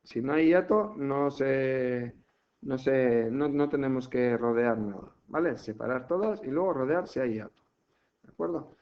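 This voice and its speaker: A man's voice: mid-range voice, measured pace. A man from teaching a language lesson, patiently explaining step by step and checking in often. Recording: muffled lo-fi home recording.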